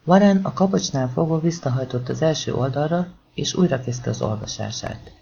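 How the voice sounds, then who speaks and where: A man narrating a crime audiobook in an expressive storytelling manner. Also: fairly high pitch, creaky, slight background noise. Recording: dull lo-fi recording.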